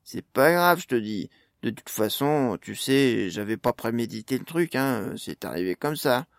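A cheeky, easygoing gnome, as a man reads him, slangy and unbothered, a touch higher than the narration. The voice has a gravelly grain and sits close and dry. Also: animated, unhurried, no room sound. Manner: casual, cheeky.

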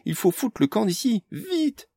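A man's voice: medium pitch, a little fast, a little mellow, breathy edge, no echo, pitched above the performer's own voice, natural voice. A man voicing a frantic young woman on the run, talking urgently and close to tears.

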